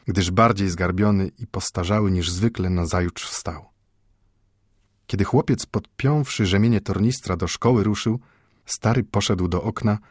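Male audiobook narrator, low husky voice, dry booth sound. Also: dry recording. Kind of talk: scripted literary narration. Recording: dry close studio sound.

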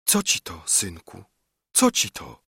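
A man's voice: low voice, huge pitch swings, slow pace, creaky, breathy edge, dry recording, studio quality, full character voice. A man voicing a pious old widowed mother who soothes her son with folk sayings, in an audiobook reading. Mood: anxious. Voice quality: warm, soothing folk speech.

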